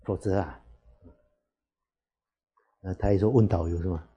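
A man, a Buddhist monk, giving an unhurried dharma talk to lay listeners, often asking rhetorical questions. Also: low voice, steady tone, dark tone, slightly rough, lo-fi sound.

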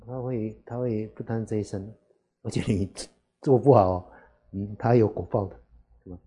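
A man, a Buddhist monk, giving an unhurried dharma talk to lay listeners, often asking rhetorical questions. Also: fairly low pitch, dark tone, slightly rough.

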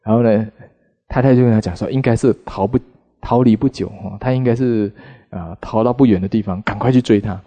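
A man, a Buddhist monk, giving a sermon in an animated storytelling manner with frequent filler particles. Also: on the low side, a little fast, lo-fi sound.

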